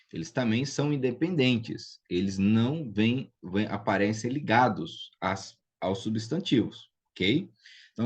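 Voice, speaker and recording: Leading a live online class in biblical Hebrew, a patient man with a Brazilian Portuguese accent explains material, drills pronunciation, and checks in with his students along the way. He speaks with a medium-pitched, slightly mellow and slightly rough voice.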